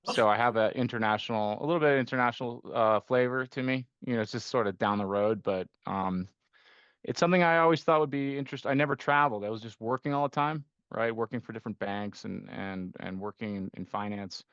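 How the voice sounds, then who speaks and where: The speaker, a middle-aged man who grew up in Costa Rica and is managing partner at an investment firm, guests on a conversational podcast, talking through his investment work with many restarts and rhetorical "right?" tags. He has a lowish, smooth, fairly bright voice and a fairly quick pace. Sound is dry and lo-fi.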